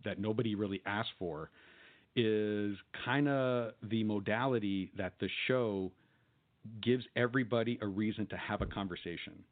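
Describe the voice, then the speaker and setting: A man's voice: on the low side, normal speed. A man co-hosting a podcast in casual chat, laughing often as he retells jokes he loves. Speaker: podcast co-host. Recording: phone-like narrow sound.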